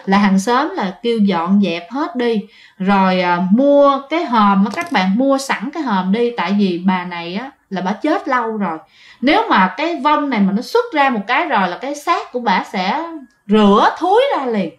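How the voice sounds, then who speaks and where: A woman's voice: on the high side, lively intonation, moderate pace. Chatty Southern Vietnamese woman storyteller. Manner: chatty, addresses listeners directly. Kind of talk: spoken ghost-story narration.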